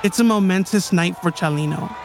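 A man's voice: high-pitched, a little fast, crowd noise, noisy background. A man hosting a podcast, telling a true story in scripted documentary narration. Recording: music bed behind the voice.

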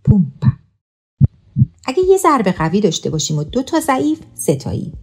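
Husky-voiced woman teaching lesson. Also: on the high side, big pitch swings, darkish tone. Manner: patient explaining, chanting counting patterns aloud. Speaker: teacher narrating a music lesson. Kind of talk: scripted educational narration.

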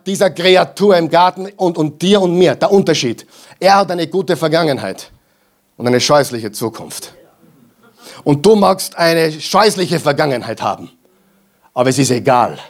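A man preaching a sermon with emphatic repetitions and mocking asides, swinging between loud and quiet. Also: fairly high pitch. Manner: emphatic, repeats lines for the crowd to echo.

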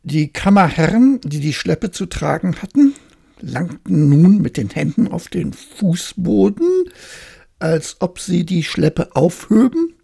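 A woman narrating a fairy tale as a calm, measured bedtime reading for children. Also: fairly low pitch, creaky, breathy edge. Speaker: storyteller.

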